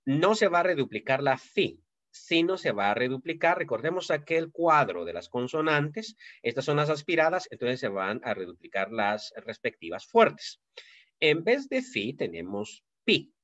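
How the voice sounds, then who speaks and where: A man teaching a Greek grammar class, explaining slowly with many fillers and checks for understanding. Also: medium pitch, sing-song, fairly bright tone, dry recording, highs cut off. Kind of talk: recorded class lecture.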